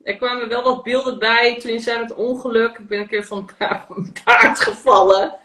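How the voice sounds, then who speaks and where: A woman's voice: a little high, steady tone, normal speed, sharp tone, reverberant, low-quality recording. A woman taking part in a coaching session, telling a personal story hesitantly with many fillers. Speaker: session participant. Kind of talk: casual personal account. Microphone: online live session.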